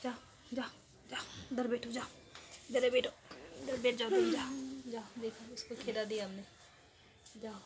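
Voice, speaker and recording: A woman's voice: fairly high pitch, measured pace, long pauses, noisy background. A woman talking casually at home in a vlog, playful and teasing with her child. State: sweaty after play-fighting. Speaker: vlogger and mother. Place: home room with a fan and TV.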